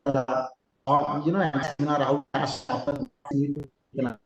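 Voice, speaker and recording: A man's voice: medium pitch, a little slow, darkish tone, reverberant, highs cut off. A man presenting in an online seminar, talking hesitantly with many filler sounds. His audio over the video call is distorted and breaks up from a weak internet connection. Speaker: guest presenter.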